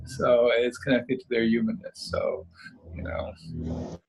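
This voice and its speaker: A man talks as the guest in a casual spiritual interview, his middle-pitched voice drifting from thought to thought in a folksy way. He calls the listeners pet names and keeps his delivery loose and unhurried. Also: wildly swooping pitch, darkish tone, rough recording. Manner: meandering, folksy, addresses listeners as babies and kiddies. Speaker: guest author.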